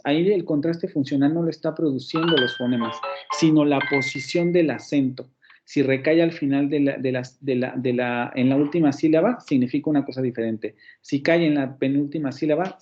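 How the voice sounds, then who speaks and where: A man's voice: mid-range voice, warm tone, dull audio. A man with a Mexican Spanish accent teaching a university phonetics class online. He explains patiently, restarts his sentences often and keeps checking in with the students.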